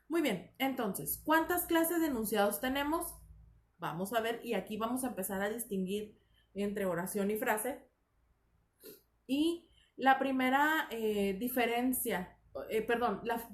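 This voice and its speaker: Lady teacher, kinda high voice, lots of fillers and self-corrections, echoey room sound. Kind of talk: recorded language lesson.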